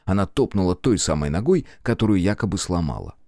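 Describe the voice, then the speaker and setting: Deep-voiced male audiobook narrator. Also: animated, a little fast, dark tone, dry recording, clean studio sound. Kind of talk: scripted narration.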